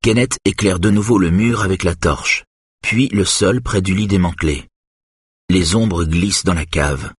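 A man reads a thriller audiobook in a steady, measured manner, his low voice carrying a husky grain. The sound is dry and close, with no room sound around it.

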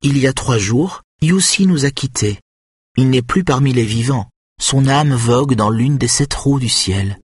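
A man voicing a solemn, eerie woman who leads a group, speaking slowly like a sermon in a storybook reading. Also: medium pitch, lively intonation, breathy edge, no room sound, clean studio sound, pitched above the performer's own voice. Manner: slow, solemn preaching.

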